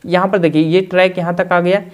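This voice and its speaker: A man's voice: high voice, flat delivery, fairly quick. A man, a repair instructor, explaining a tutorial step by step in speech, with fillers and repeated phrases.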